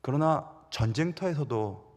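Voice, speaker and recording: A middle-aged man preaching a Sunday sermon, telling stories with sudden loud rises and soft drops. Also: mid-range voice, lively intonation, measured pace, big-room sound. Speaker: pastor. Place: large church sanctuary.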